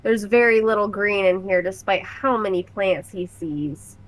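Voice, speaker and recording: A woman playing a tabletop role-playing game, narrating what her character does in a descriptive, halting way with fillers. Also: medium pitch, rough recording. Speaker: player.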